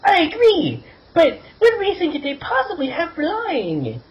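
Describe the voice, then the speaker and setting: A man squeaking as a worried teen girl. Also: wildly swooping pitch, measured pace, exaggerated voice. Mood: anxious. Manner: squeaky falsetto. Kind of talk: amateur fan reading. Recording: muffled lo-fi with faint hiss.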